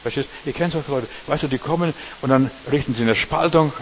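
A man preaching a sermon, emphatic, speaking straight to the congregation and swinging between loud stresses and quiet asides. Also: mid-range voice, a little fast, a little hiss or hum, low-quality recording. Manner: emphatic, talks straight to the congregation with repeated tag questions.

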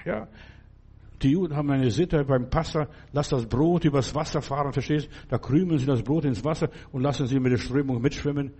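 A man's voice: mid-range voice, brisk, warm tone, breathy edge. A man preaching a sermon in a fervent, exhorting way, speaking directly to the listener.

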